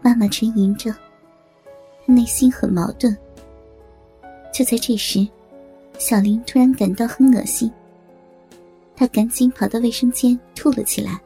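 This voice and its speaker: A woman narrating a serialized story in a steady, dramatic storytelling manner. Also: fairly high pitch, measured pace, creaky, long pauses, faint music behind.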